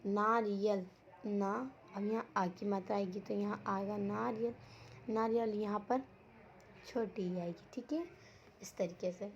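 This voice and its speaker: A woman schoolteacher with a mid-range, darkish voice teaches young children in an online class, speaking a little slowly with fairly even intonation. She patiently repeats words and puts questions to the class. The lo-fi audio sounds dull and carries faint noise.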